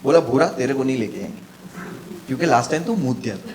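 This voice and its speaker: A man doing stand-up comedy, telling an animated story and shouting out his friends' lines. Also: medium pitch, quick pace, very noisy. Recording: echoey venue with loud laughing crowd.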